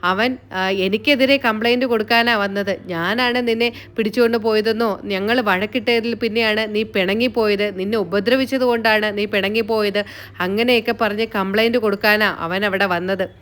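A woman's voice: mid-range voice, steady tone, moderate pace, fairly bright tone, close to an everyday voice. A woman voicing a shy, affectionate young husband who explains himself earnestly.

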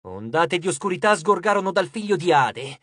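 A man narrating an audiobook chapter in a measured, even reading. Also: high voice.

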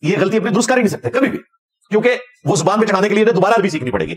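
A man in the middle of a religious lecture, arguing a point and daring his opponents to answer. His voice sits a little high for a man, and he presses each point home with emphasis. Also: animated, racing, breathy edge. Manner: emphatic, challenging. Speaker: religious scholar.

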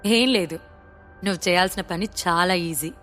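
Woman voicing a calm, confident young man. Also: on the low side, normal speed, faint music behind, close to an everyday voice. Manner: calm, quietly assured.

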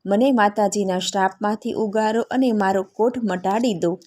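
A cursed male temple priest from a devotional storybook, weeping and imploring for mercy, as a woman narrator tells it. It is told plainly, in a gentle storytelling voice. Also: mid-range voice, steady tone, normal speed, natural voice.

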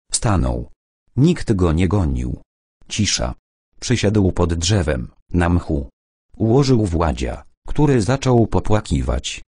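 Deep husky-voiced male narrator. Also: dark tone, no room sound, clean studio sound. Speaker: audiobook narrator. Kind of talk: scripted narration of a war novel.

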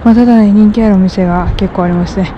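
A young woman talking to herself as she walks city streets, filming a walking vlog with many fillers, dropping to a hush around passers-by. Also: mid-range voice, fairly even intonation, fast, dull audio. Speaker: walking vlogger. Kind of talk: solo walking commentary. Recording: street noise behind.

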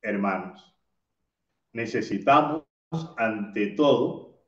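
Priest guy preaching real slow, kinda far off the mic, echoey dull recording. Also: fairly low pitch, lively intonation. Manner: slow, measured preaching with drawn-out phrases. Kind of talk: daily gospel reading and homily. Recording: roomy, distant, dull lo-fi sound.

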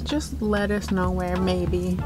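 A young woman chatting casually from a car, relaxed and explaining things with lots of "like", music behind her. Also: fairly low pitch, slow. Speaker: vlog co-host. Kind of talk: casual chat.

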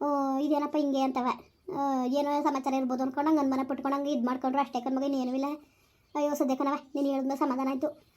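A woman's voice: high voice, level tone, fast talker, a little mellow, close to an everyday voice. A woman playing a middle-aged village aunty, lecturing with rhetorical questions. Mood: complaining. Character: scheming older village aunty, scolding mother-in-law type. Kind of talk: village skit acting.

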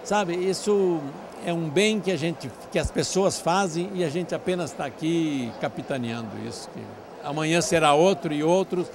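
A man's voice: on the high side, moderate pace, hardly any pauses. Effusive older man at a noisy event. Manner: effusive, grateful, talks in long flowing runs. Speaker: event organizer being interviewed. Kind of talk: outdoor event interview. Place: large covered event hall, crowded charity dinner. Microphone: handheld mic.

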